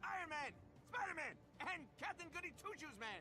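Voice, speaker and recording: A man's voice: very high-pitched, lively intonation, brisk, bright, forceful tone, full character voice. An actor playing a wisecracking male antihero mercenary in a video game, with sarcastic, jeering asides. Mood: mocking.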